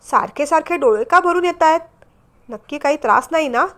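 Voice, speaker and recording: A woman reading a storybook, voicing a firm, concerned divorced young man who scolds gently. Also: sits high, lively intonation, normal speed. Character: caring, stern divorced man, young adult.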